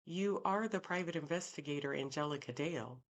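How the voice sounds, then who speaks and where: Lady reading an eager young man with a podcast, a little pushy, lifted higher than her own low voice. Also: fairly quick.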